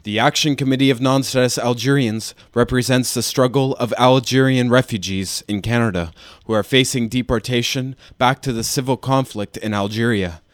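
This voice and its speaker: A male field reporter narrating a news report in a measured, even way. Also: mid-range voice, no room sound, studio quality.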